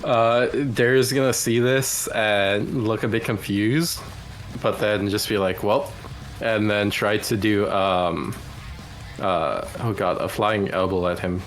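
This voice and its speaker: Male tabletop player, slightly low voice, hesitant casual delivery of game actions. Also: fairly even intonation, takes it slowly, soft background music. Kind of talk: casual description of game moves.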